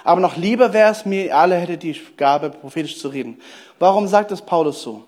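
A man preaching a lively sermon, telling stories and speaking straight to his listeners. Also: high-pitched, fairly quick. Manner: lively storytelling preacher, addresses listeners directly. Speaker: pastor.

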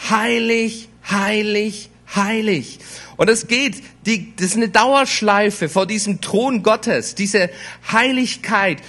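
Guy giving a sermon, high voice, super slow and deliberate, repeats stuff for emphasis. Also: a bit bright. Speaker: preacher.

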